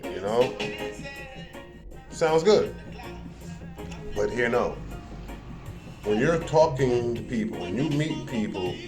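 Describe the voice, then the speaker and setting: A man's voice: mid-range voice, lively intonation, slow pace, long pauses, over music. A man giving a casual, rambling monologue, often repeating words and building to emphatic points.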